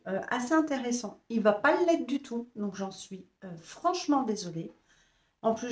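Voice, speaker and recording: Slow, roomy-sounding woman sewing vlogger. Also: on the high side. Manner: hesitant and rambling, many fillers, self-mocking. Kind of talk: casual chat to camera. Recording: roomy echo.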